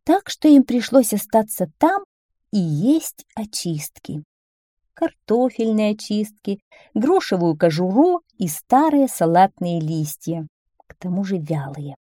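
A woman reading a children's story aloud in an expressive, animated way. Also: medium pitch, takes it slowly, no room sound, studio quality.

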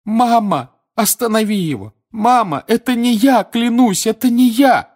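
A man voicing a desperate young man who screams and pleads in a shrill voice, in an audiobook. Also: expressive, unhurried, darkish tone, full character voice. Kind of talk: audiobook character voice.

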